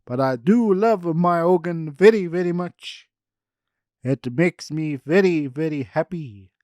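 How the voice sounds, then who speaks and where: A man voicing a pompous male vampire count who loves his organ, declaiming slowly and grandly. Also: fairly high pitch, a little mellow, smooth, no echo. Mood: flustered.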